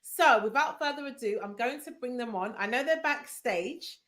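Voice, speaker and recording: A woman's voice: fairly high pitch, expressive, normal speed, fairly bright tone. Chatty woman hosting a live interview. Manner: chatty, upbeat, many fillers. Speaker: host. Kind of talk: live-streamed interview chat.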